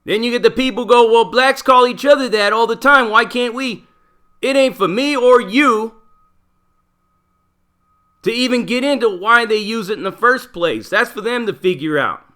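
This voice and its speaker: A man's voice: sits high, sharp tone. A middle-aged man, a former prisoner, talking bluntly in a casual monologue full of profanity and street slang. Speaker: channel host, former prisoner.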